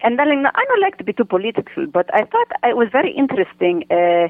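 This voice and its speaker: A man's voice: extremely high pitch, big pitch swings, fast, no room sound, exaggerated voice. A man voicing a feisty, doting older woman who calls everyone darling and speaks broken English. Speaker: regular segment guest. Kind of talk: comic phone-in chat. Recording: tinny phone line.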